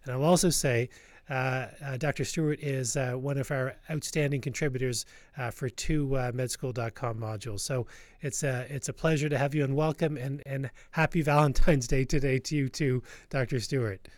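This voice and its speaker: A man's voice: medium pitch, steady tone, normal speed, darkish tone, no echo. A man hosting an interview podcast, speaking with many fillers and restarts. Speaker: podcast host.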